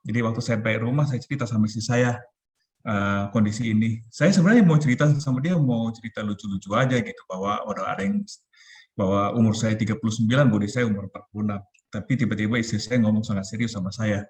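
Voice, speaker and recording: A man in his forties giving a relaxed, chatty youth talk over a video call, laughing often. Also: on the low side, fast. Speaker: youth ministry speaker.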